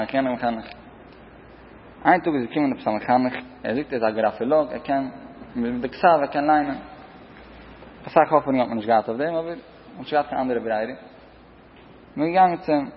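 A man preaching a sermon full of parables, building his points from short, repeated phrases that swell and then fall back. His voice sits in a middle register and carries a long reverb from a large hall. The recording is muffled, with a faint hiss of noise underneath. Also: medium pitch. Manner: short repeated phrases, rising and dropping in loudness.

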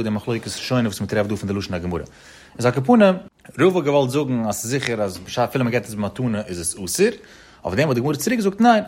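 A man giving a Talmud study lecture in a sing-song study-hall intonation, rising and dropping in pitch as he works through the text. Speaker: Talmud teacher.

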